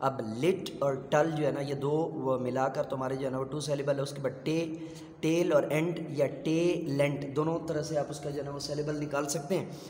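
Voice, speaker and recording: A middle-aged male teacher slowly explains a kindergarten English textbook, switching between two languages, using many fillers and spelling words out letter by letter. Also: a little high, little pitch movement, darkish tone, a little hiss or hum. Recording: echoey room with long reverb.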